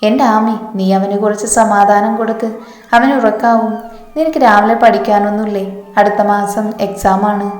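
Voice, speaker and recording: A woman's voice: medium pitch, steady tone, moderate pace, a little mellow, reverberant, in a large hall, natural voice. A woman narrator voicing a protective, commanding young man who speaks firmly.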